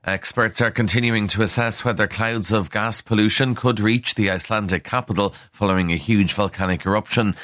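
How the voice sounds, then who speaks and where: An Irish man reads a scripted news bulletin in a very low voice. The sound is dry and close, as in a radio studio. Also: fairly bright tone, dry recording. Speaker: news reader.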